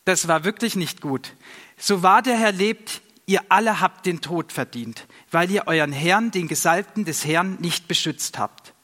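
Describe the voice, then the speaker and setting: Earnest young warrior pleading and reproaching, man putting him on, highish voice, reverby. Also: measured pace, pushed and bright, exaggerated voice. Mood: taunting. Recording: long reverb.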